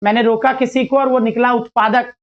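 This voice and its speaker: A man's voice: very high voice, flat delivery, a little fast, lo-fi sound. A male teacher giving a casual lecture to students, chatty and playful, acting out little dialogues as he explains.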